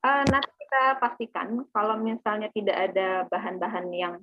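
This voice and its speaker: A teacher with a mid-range voice talks at normal speed as she briefs her online class, explaining the plans and repeatedly confirming students are following. Slight background noise sits under the narrow, phone-like call sound.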